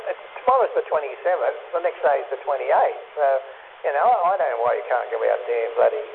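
A man's voice: mid-range voice, animated, fast, gravelly. An Australian man chatting casually over CB radio in a folksy, rambling, mildly sweary way. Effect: CB radio transmission. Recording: tinny narrowband CB radio with hiss.

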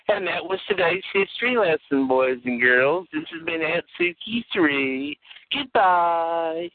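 A man playing a sugary aunt-like teacher on a children's history show, in a slow, sing-song, overly sweet comedic style. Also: a little high, no room sound. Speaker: children's history-lesson host. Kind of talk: comedic kids' show parody. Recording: tinny phone-like dry radio sound.

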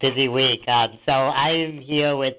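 A man's voice: medium pitch, steady tone, a little slow. A man, a guest on an upcoming interview, chatting agreeably and hesitantly over a speakerphone, with many fillers. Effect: heard over a speakerphone. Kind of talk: casual call before an interview. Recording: tinny speakerphone line.

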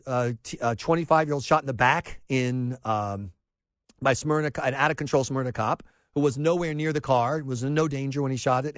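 A man's voice: mid-range voice, dry recording. A middle-aged man from rural South Carolina hosting a talk radio show, delivering an impassioned opinion monologue with frequent restarts and mocking asides. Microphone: close studio mic, dry.

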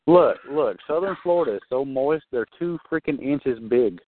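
A man's voice: medium pitch, lively intonation, normal speed. A man joking and teasing others in a casual group call. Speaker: call-in show participant. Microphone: phone. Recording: phone-line audio.

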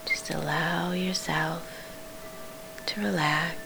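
A woman leading a guided sleep meditation in a soft, soothing whisper, pausing between short phrases. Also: low voice, level tone, creaky, background noise.

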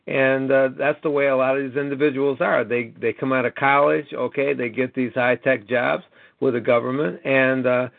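An American man in his late sixties rambles earnestly on a conference call, his mid-range voice gravelly and fairly even at a normal speed. He keeps driving points home with an emphatic "okay?", checking that listeners are with him. The dry recording comes through a narrow, tinny telephone line.

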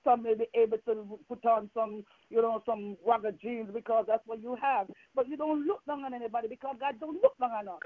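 Brisk and steady, with few pauses, a woman with a fairly high voice preaches an ardent evening sermon in a Jamaican accent, using call and response, repeated lines, and rhetorical questions. There's no room sound, just a tinny phone-line quality.

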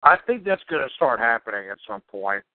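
A man riffing in a deadpan, rambling way, pausing on fillers as he builds a joke. His voice is mid-pitched and comes through a narrow, phone-like channel. The recording is dry, with no room around it. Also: no room sound. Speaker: podcast co-host. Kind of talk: crude casual banter.

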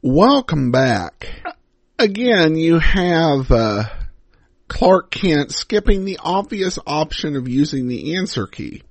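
A man's voice: a little high, very animated, slow pace, no room sound. An American man giving casual commentary as a podcast host. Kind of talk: casual commentary on old radio serials.

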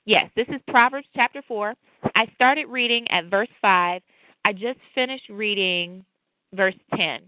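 A woman co-hosting a faith talk show, telling a lively personal story and drawing a lesson from scripture. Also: medium pitch, unhurried, dry recording. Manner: storytelling, animated, preachy asides. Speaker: podcast co-host. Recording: tinny phone-like line, dry.

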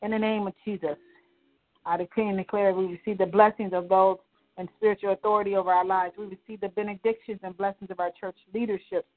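Woman, prayer leader, fervent declaring cadence, mid-pitched, tinny phone-line sound. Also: level tone, fast. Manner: fervent, rhythmic repeated declarations.

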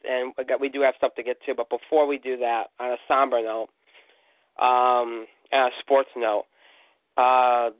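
A man's voice: mid-range voice, dry recording. A man hosting a radio show in casual sports talk, often repeating and restarting his words. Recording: narrow phone-like radio sound.

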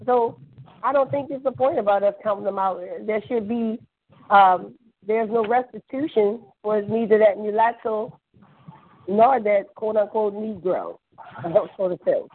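A woman speaks over a thin, tinny phone line that cuts away the lows and highs. She talks at an ordinary pitch in a blunt, emphatic way. She repeats points for weight and drops in the odd curse. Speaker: podcast caller discussing history. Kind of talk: casual phone-call chat.

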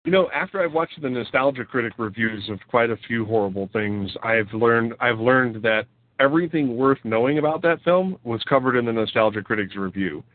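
A man hosting a casual podcast chat, wry and quick to laugh. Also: mid-range voice, animated. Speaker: podcast host. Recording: dry, phone-like lo-fi sound.

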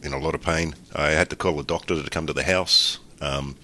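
Very deep, congested Australian man. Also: fairly even intonation, brisk, pushed and bright. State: congested with a cold and sore throat, slightly crackly. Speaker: podcast host. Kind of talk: casual podcast chat.

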